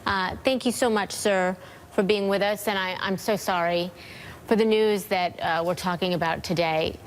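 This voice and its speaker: A woman news anchor introducing a guest in a sympathetic, slightly halting way. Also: medium pitch, steady tone, slight background noise.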